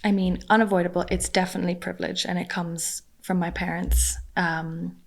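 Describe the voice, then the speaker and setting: A woman's voice: on the low side, little pitch movement, fairly quick, gravelly. A young adult woman, raised in Costa Rica, talking casually as a podcast guest, chatty and self-deprecating, laughing often. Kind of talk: casual interview conversation.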